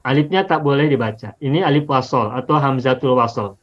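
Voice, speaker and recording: A man's voice: medium pitch, a little fast, lo-fi sound, slight background noise. A man teaching an Arabic linguistics lesson on the Quran, explaining patiently step by step and repeating examples.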